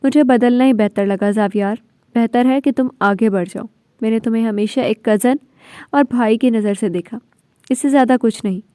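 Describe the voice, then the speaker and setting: A gentle, cheerful young wife, voiced by a woman narrator in a storybook reading. She speaks softly and reassuringly. The voice is fairly high and mellow. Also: normal speed, no room sound, clean studio sound, natural voice. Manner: soft, reassuring.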